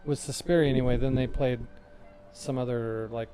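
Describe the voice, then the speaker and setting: A man's voice: medium pitch, fairly even intonation, moderate pace, warm tone, faint music behind. A man in his forties co-hosting a podcast in casual chat, laid-back and trailing off with fillers. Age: 40s. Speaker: podcast co-host.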